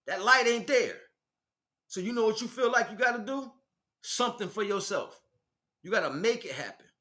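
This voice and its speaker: His voice is high, expressive, pushed and bright, and he speaks at an ordinary pace. The speaker is a spiritual teacher delivering an intense, informal talk in blunt street vernacular, often asking rhetorical questions.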